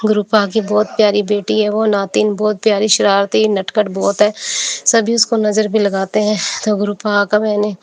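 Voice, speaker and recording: A young woman sharing an emotional devotional testimony, telling her story with a lot of repetition. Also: mid-range voice. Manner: emotional, storytelling, repeating herself often.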